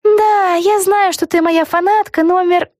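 A woman narrator voicing a young girl witch in a high, bright way. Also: takes it slowly, no room sound, clean studio sound. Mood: earnest. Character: young girl witch Vega and other girls.

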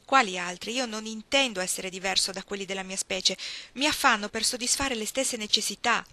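Audiobook: woman voicing a pleading young male lover, pressing and emphatic, bright voice. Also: mid-range voice, brisk, no echo. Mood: urgent. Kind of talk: audiobook reading.

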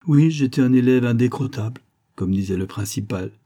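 A man's voice: medium pitch, fairly quick, warm tone, lightly acted. A man voicing a wry, teasing thirty-year-old. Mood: friendly. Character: easygoing joking man of thirty, former prankster.

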